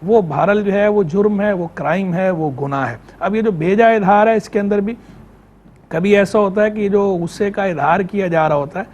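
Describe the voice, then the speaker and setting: A man Islamic scholar on a live call-in show, explaining religious rules in a measured way and repeating key terms. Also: sits high, darkish tone, muffled recording. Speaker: Islamic scholar answering on air. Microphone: remote line into studio.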